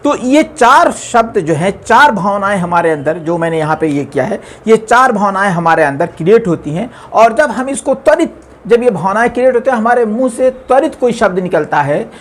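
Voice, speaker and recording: A man's voice: high voice, expressive, normal speed. Patient man teaching grammar. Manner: patient, repetitive explaining with frequent fillers. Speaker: English teacher. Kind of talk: classroom grammar lesson.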